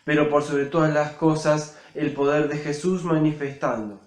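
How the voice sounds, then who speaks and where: A man giving a sermon reflection, storytelling with expressive swells and drops in loudness. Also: a little high, moderate pace, roomy sound. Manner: expressive, rising and falling loudness for emphasis. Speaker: preacher.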